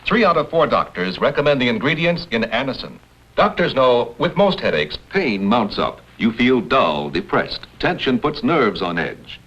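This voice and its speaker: A male announcer narrating a scripted 1960s television commercial with an emphatic, repetitive sales pitch. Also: very animated, normal speed, a bit bright. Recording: muffled, husky vintage broadcast audio.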